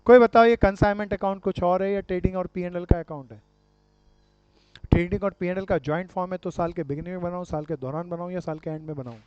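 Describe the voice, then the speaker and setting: A man's voice: sits high, fairly even intonation, fast, darkish tone, clean tone, dry recording. A man teaching a commerce class, quizzing his students and calling them dear friends and brother. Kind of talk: classroom lecture with questions to students. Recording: dull lo-fi sound.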